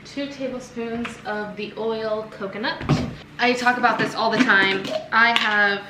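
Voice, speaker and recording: A woman's voice: on the high side, steady tone, a little slow, reverberant, heavy background noise. A young woman chatting casually through a cooking vlog in a home kitchen, rambling with lots of fillers and self-corrections. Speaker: food vlogger.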